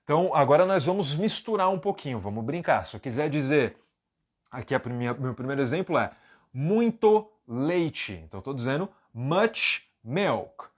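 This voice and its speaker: This is a man from Brazil giving an English lesson, his voice rising and falling with lively melody. He explains step by step and slows right down to repeat example words. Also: medium pitch. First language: Portuguese. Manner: slow, drawn-out model pronunciations. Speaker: English teacher.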